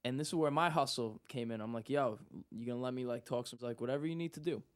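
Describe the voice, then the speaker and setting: A man's voice: medium pitch, fast talker. A young man telling a story in casual talk, acting out what people said. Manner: animated, acts out quotes. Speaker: guest.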